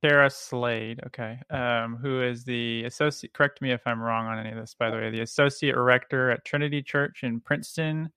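A man's voice: mid-range voice, fairly quick, hardly any pauses, clear, resonant tone, dry recording, clean studio sound. A man hosting a podcast, reading a scripted intro and then chatting casually with fillers while interviewing a guest. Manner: casual, relaxed with filler words. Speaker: podcast host. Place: home.

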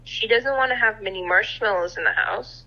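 A woman's voice: a little high, a little fast, pushed and bright, dull audio. A young woman co-hosting a podcast, chatting casually and swearing freely. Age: young adult. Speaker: podcast co-host. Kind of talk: casual chat.

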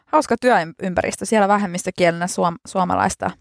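A woman's voice: medium pitch, vocal fry, no echo, studio quality. A woman co-hosting a podcast in casual chat, laughing often. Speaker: podcast co-host.

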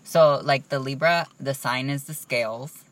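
A man's voice: medium pitch, measured pace, a bit bright, recorded from a distance. A young man in casual chat, rambling and saying "like" a lot. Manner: chatty, rambling, says "like" a lot.

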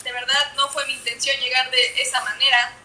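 A woman's voice: high voice, level tone, a little fast, crowd noise. A young woman with a Mexican Spanish accent, a livestream guest telling a party story in casual chat.

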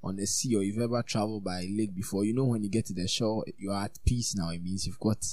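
Male preacher, low and mellow, dry close sound, chatty sermon delivery. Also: steady tone, fast, no echo, rough recording. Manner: conversational, reflective, with asides. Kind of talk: sermon with scripture reading.

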